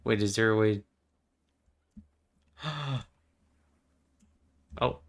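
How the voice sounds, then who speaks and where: A man's voice: on the low side, extremely slow. A young man rambling casually about spiritual ideas while playing a game, full of fillers and playful asides. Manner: meandering, filler-heavy, playful, easily distracted. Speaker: gaming vlogger.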